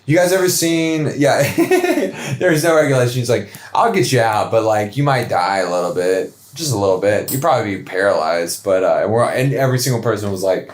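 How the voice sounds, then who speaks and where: A young American man telling travel stories on a casual podcast, animated and swearing freely. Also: on the low side, a little fast, few pauses, a little hiss or hum. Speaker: podcast co-host. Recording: echoey room.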